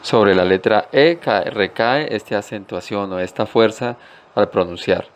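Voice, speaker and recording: Slow, deliberate male language teacher. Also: on the low side. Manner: slow and deliberate, repeating each word carefully. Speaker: English teacher. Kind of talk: slow-paced language lesson.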